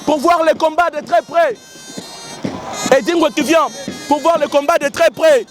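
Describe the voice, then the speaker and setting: Man, hoarse, very high-pitched, shouting live wrestling commentary, music and crowd behind. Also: measured pace. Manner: excitable, shouting, repeating phrases. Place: outdoor wrestling gala. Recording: outdoor event with loud crowd and music.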